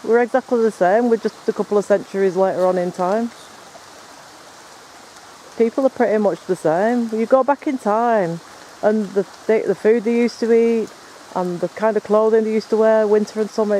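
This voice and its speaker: Out in the woods by a stream on a rainy night, a man filming a paranormal investigation chats casually, rambling and explaining as he goes. He speaks at a moderate pace in a high, warm-toned voice, and the poor audio has a little hiss or hum.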